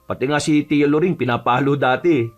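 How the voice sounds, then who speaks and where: A man's voice: medium pitch, fairly even intonation, a little fast, lo-fi sound, faint music behind. A man narrating an audio horror story and voicing its earnest lead character.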